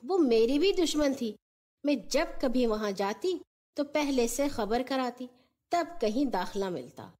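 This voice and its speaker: Female storyteller for children's tales, fairly high voice, unhurried scripted narration. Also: expressive, mellow.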